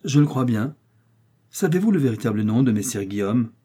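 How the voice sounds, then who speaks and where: A man's voice: medium pitch, expressive, fairly quick, warm tone, husky. A man reading an old novel aloud, voicing a cunning, ironic male servant who plots against his master. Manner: mocking, insistent. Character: scheming sly male servant, ironic and bold.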